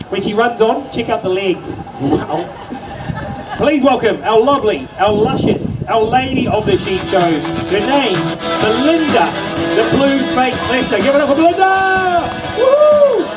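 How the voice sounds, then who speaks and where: High-voiced New showman on stage. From New Zealand. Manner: joking showman, hyping the crowd. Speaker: sheep show presenter. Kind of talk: live stage show patter. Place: outdoor county show stage. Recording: far from mic, music playing.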